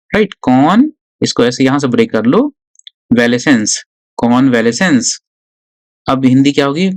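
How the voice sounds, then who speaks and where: Mixing Hindi with English in an Indian accent, a man leads an online vocabulary class for exams, asking and answering his own questions and going over key words slowly. His voice is medium-pitched, and the recording is dry.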